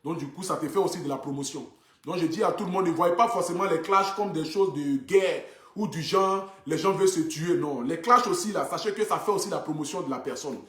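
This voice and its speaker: Male influencer, casual phone livestream, earnest, filler-heavy, slightly high voice, roomy echo. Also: a little fast, fairly bright tone. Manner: earnest, repetitive, many fillers like "voilà" and "donc du coup". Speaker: social media influencer. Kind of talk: casual livestream talk to viewers. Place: indoors, seated.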